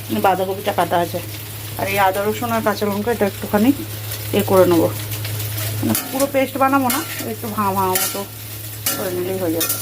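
A vlogger chats casually in her home kitchen, narrating her chores and cooking as she goes. Her mid-range voice moves quickly but with long pauses, and the room is noisy with frying sounds.

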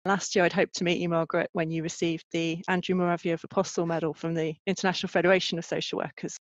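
A man hosts an event with a formal, deliberate introduction, his voice slightly high for a man. The sound is dry and a bit dull. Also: no echo. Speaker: event host.

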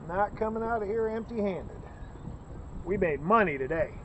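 A middle-aged man from Northeast Ohio with a local accent, chatting excitedly and joking as he films a fishing trip outdoors by a lake, recorded on a bagged camera. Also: sits high, moderate pace, highs cut off. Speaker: fishing vlogger. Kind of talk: casual outdoor commentary. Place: lakeshore outdoors in the rain. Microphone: camera on a stand, bagged against rain. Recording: outdoor camera audio with noise.

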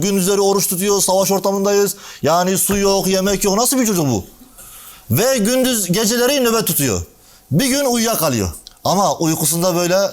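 A male preacher with a fairly high voice tells a religious story to a small gathering. He acts out the characters' lines with lively shifts in pitch and turns now and then to speak to listeners by name. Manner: animated storytelling, acting out dialogue with shifting pitch; addresses listeners directly by name.

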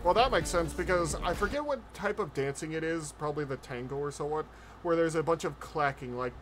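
A male VTuber streamer sits close to the mic, reacting to a video with casual commentary in a fairly high voice at a slightly fast clip. Trailer music and sound effects play in the background.

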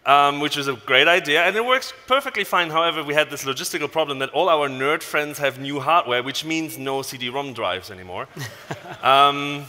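On a large conference hall stage, a native German speaker in his thirties gives an informal tech talk through a headset mic, his German accent clear. His voice sits on the high side at normal speed, and he's animated and joking, swearing casually. Big hall reverb surrounds him.

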